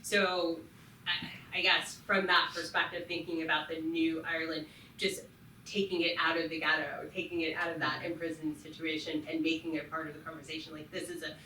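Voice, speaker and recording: A woman's voice: sits low, level tone, fairly quick, bright, forceful tone, slight background noise. A woman speaking reflectively and steadily on a panel. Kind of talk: panel discussion. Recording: echoey room, far from mic.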